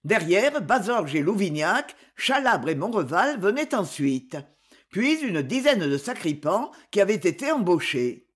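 Slow, husky-voiced audiobook narrator. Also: mid-range voice. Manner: slow, expressive storytelling.

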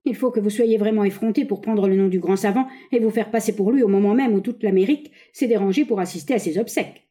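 A woman's voice: medium pitch, fast talker, mellow, lightly acted. Brusque burly male policeman, curt and harsh, read by a woman. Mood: stern.

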